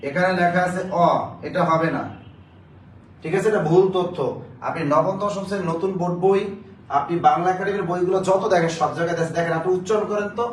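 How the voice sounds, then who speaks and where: Male teacher, high voice, urgent coaxing delivery, distant mic in an echoey room. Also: steady tone. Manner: urgent, coaxing viewers to answer fast; drills facts by repeating questions and answers. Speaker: Bangla grammar teacher. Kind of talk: live online class. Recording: roomy, distant mic, faint background noise.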